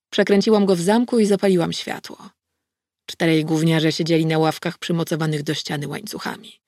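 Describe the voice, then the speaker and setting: A woman reading a first-person audiobook in a measured, wry storytelling manner on a close mic. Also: medium pitch, creaky, darkish tone, no echo. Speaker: audiobook narrator.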